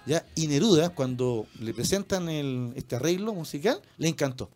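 A Chilean man hosts a relaxed radio chat, his voice a touch high. He keeps tossing in small tag questions as he talks. Soft music plays faintly behind him. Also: moderate pace. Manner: peppers speech with tag questions. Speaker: radio host.

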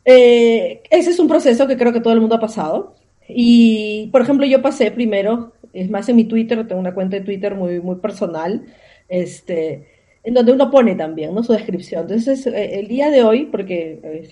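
A woman's voice: medium pitch, warm tone. A woman from Peru, a podcast guest speaking over a remote call, thoughtful and a bit hesitant, laughing easily. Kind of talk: conversational interview. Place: Lima, Peru.

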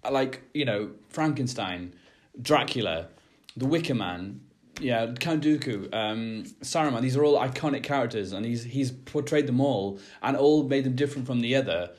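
A man's voice: mid-range voice, normal speed. A man making an earnest, hesitant rebuttal in a casual debate.

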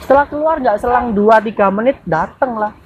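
A woman telling a story in a casual, chatty way, often tagging sentences with quick questions to the listener. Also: on the high side, muffled recording, a little hiss or hum. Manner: chatty, frequent tag questions, restarts.

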